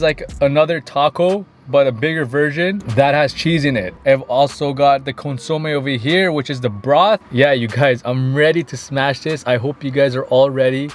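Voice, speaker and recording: A young man from Canada talks to his viewers in a casual food vlog, recorded on a phone inside a car. His voice sits a little high, and he sounds chatty and enthusiastic, calling out to "you guys" often. Faint music plays underneath. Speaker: food vlogger. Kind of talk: casual mukbang vlog with sponsor read. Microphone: phone camera.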